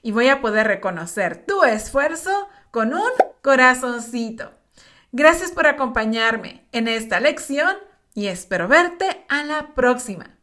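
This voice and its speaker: Bright high-voiced woman teaching pronunciation. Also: big pitch swings. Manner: repeats each word slowly and carefully, encouraging. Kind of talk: slow, clear pronunciation drill for learners.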